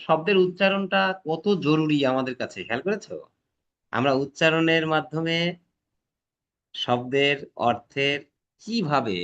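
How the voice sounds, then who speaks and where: A man lecturing a class, pausing often to ask whether the students have caught his point. He hammers on sounds to show how stress changes a word, his voice sitting a little higher than most men's. The talk is unscripted and conversational, as in a classroom. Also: highs cut off. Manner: demonstrates pronunciation with loud emphatic stresses. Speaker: teacher.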